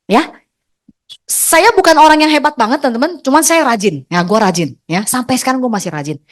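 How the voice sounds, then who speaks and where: A middle-aged woman, giving a lively, chatty motivational stage talk as an agency leader, teasing her audience. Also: sits high, a little fast.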